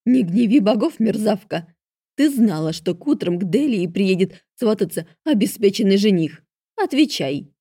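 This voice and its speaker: A woman's voice: mid-range voice, sing-song, measured pace, gravelly, few pauses, warm tone, husky, no echo, clean studio sound, exaggerated voice. A woman voicing a domineering middle-aged stepmother who barks harsh scolding orders. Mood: enraged.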